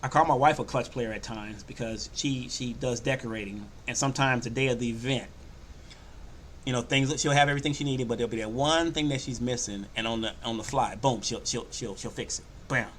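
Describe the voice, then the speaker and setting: An older man hosting a sports podcast, talking casually and loosely, often slipping into animated quoted voices. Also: medium pitch, fairly quick, a little hiss or hum. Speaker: podcast host. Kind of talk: casual sports talk monologue.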